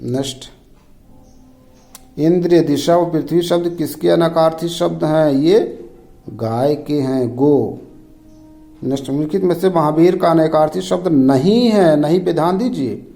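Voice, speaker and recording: Gravelly man racing through quiz answers. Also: fairly high pitch, measured pace, dark tone, faint music behind, poor audio. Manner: reads each option then names the wrong one. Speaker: Hindi exam tutor. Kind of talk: rapid quiz walkthrough.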